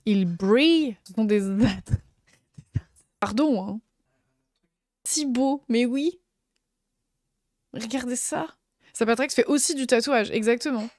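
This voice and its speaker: Excitable young woman streamer. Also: on the high side, no room sound, studio quality. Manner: gushing, excitable, lots of fillers. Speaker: streamer showing convention purchases. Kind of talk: casual live stream chat.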